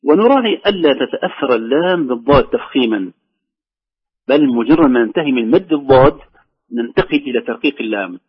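Husky guy teaching recitation fast, dull radio sound. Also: mid-range voice, expressive. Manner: brisk, patient, sounds out words as examples. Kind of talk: explaining pronunciation of recitation. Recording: muffled radio broadcast sound.

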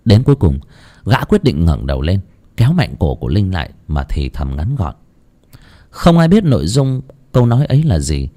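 Guy reading a ghost story, low warm voice, swings up n down a lot. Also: normal speed. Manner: expressive, dramatic storytelling.

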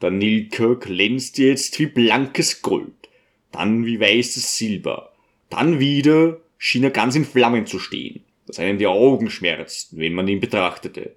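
Ein Mann, der einen Roman als Hörbuch ausdrucksvoll vorliest. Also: male voice, lowish voice, a little slow. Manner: expressive storytelling. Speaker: audiobook narrator. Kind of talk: reading a novel aloud.

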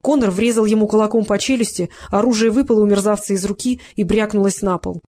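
Narrator: mid-pitched, measured, scripted audiobook reading. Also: steady tone, warm tone.

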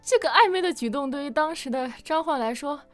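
With a high, animated voice and a slightly quick pace, a woman runs a laid-back fan quiz, putting the questions to participants in a chatty manner. Music can be heard behind her.

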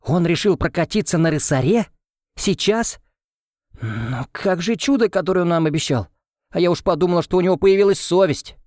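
A man's voice: high voice, lively intonation, moderate pace, a little mellow, dry recording, studio quality, pitched above the performer's own voice. A man voicing an irritated, sarcastic young noblewoman in an audiobook. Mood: indignant sarcastic. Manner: sarcastic, indignant. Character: irritated young noblewoman guest, sharp-tongued.

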